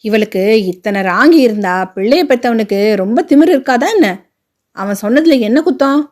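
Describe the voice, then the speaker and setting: A woman voicing a blunt, sharp-tongued old grandmother who scolds and dotes, in a spoken storybook. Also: fairly high pitch, lively intonation, brisk, lightly acted. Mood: scolding.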